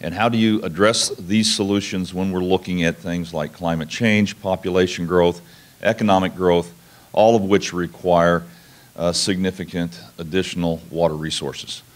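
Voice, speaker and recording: Low-pitched Southwestern man presenting informally. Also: fairly even intonation, moderate pace. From New Mexico, United States. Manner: informal, folksy, explanatory. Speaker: conference speaker, national laboratory researcher. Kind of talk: conference presentation.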